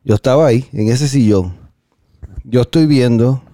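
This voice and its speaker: Relaxed man, slangy chat. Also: medium pitch, normal speed, no room sound, clean studio sound. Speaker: podcast co-host. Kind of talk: casual storytelling chat.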